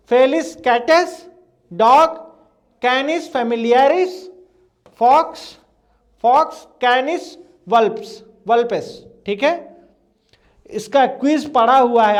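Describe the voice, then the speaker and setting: A male teacher, running a live online exam-prep class and drilling terms, checking again and again that students follow. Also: very high-pitched.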